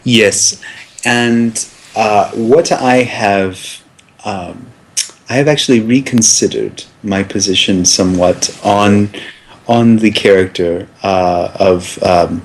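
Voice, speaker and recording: A man playing a pompous, fussy academic film critic in an improvised comedy sketch, halting and hesitating constantly. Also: lowish voice.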